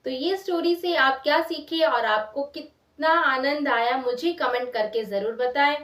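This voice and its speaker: A storyteller and channel host, this woman speaks high, a little slow, and a bit bright as she expressively tells a moral story. Her wording is everyday and conversational, with repeated phrases for emphasis, captured from a distance in an echoey room.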